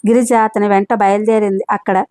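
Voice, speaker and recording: A woman narrating a novel in a steady storytelling manner. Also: medium pitch, brisk, no echo, studio quality.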